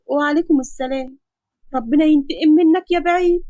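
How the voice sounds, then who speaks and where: A woman's voice: high-pitched, fairly quick, dark tone, dry recording, voice pushed up, natural voice. A woman voicing a cheeky young Egyptian female student who complains dramatically. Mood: whiny. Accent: Egyptian Arabic. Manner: whiny, exaggerated complaining.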